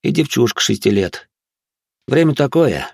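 A man's voice: medium pitch, animated, unhurried, gravelly, breathy edge, dry recording, studio quality, voice pushed up, full character voice. A man reading an audiobook, voicing a gloomy, tipsy middle-aged male beat cop who grumbles in a world-weary way. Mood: grumbling.

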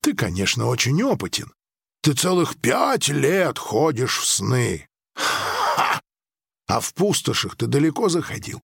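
Guy reading as an ancient dream-weaver, calm and persuasive with a dry little irony, voice rising and falling a lot, dry close sound. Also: medium pitch, normal speed, creaky, husky, dry recording, exaggerated voice. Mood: ironic.

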